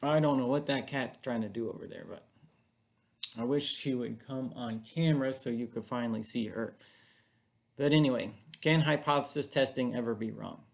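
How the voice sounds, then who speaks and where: Gravelly man giving a casual stats lesson. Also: mid-range voice, moderate pace. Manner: casual, chatty explaining with frequent fillers and self-corrections. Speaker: statistics teacher. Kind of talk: informal recorded lecture.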